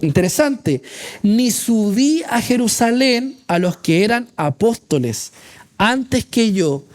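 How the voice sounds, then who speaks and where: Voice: mid-range voice, darkish tone. A teacher giving a Bible class lecture, reading verses aloud and explaining them with rhetorical questions and frequent check-ins with the class.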